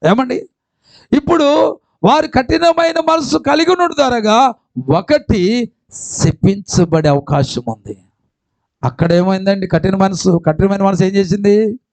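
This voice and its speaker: A man with a Telugu accent preaching a sermon as pastor, emphatic, quizzing the congregation and swinging between loud calls and quiet asides. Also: high-pitched, measured pace, long pauses, dry recording. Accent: Telugu, Andhra. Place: church hall.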